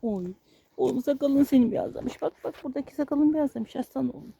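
Woman softly fussing over her dog outdoors. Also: sits high, fairly quick, creaky, dry recording. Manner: fussing and soothing, often hushed, then loud and pleading. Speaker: vlogger walking her dog. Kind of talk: casual vlog narration and talking to her dog. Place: outdoors on a street.

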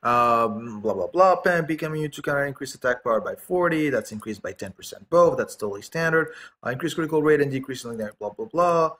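A man's voice: mid-range voice, animated, a little fast, fairly bright tone, a little hiss or hum. Man casually commenting on a game update. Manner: reads skill text aloud, then comments offhand with fillers.

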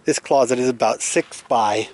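Holding a handheld camera himself, a man walks through his open, timber-framed house under construction, explaining it plainly and off the cuff. He speaks at normal speed in a medium-pitched, darkish voice, and there's no echo.

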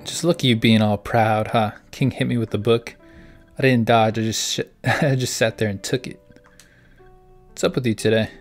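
A man's voice: lowish voice, steady tone, normal speed, faint music behind. A man, the host of a gaming channel, playing through a story game, reading its text aloud and reacting in puzzled asides. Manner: reads dialogue aloud in a plain voice between puzzled asides.

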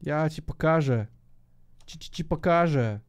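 A young man giving joking, excitable commentary while he plays a multiplayer block-building minigame, often shouting at other players. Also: fairly high pitch, measured pace, clean tone. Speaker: gaming YouTuber.

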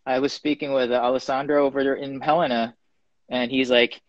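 Showing off his pottery on a live stream, the ceramic artist rambles casually with many ums in a mid-range, level voice at a brisk pace. His phone or webcam gives a dry recording with the highs cut off.

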